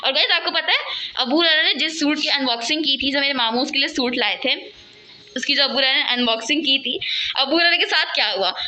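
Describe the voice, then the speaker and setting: A woman vlogging casually at home, chatting and rambling to her viewers and talking loudly over household noise. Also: high-pitched, a little fast. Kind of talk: casual home vlog chat. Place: at home, cooking and sweeping nearby.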